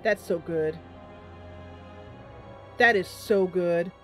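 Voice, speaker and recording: With a fairly low voice and a very slow pace, a woman hosts a game stream over soft background music. She muses aloud about what to choose and keeps up casual conversation with her audience.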